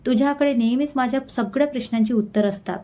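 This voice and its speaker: An earnest, caring young man in a storybook reading, read out by a woman. He sounds worried and a little cross with his friends, speaking in a fairly high voice. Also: quick pace, warm tone, natural voice. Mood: concerned.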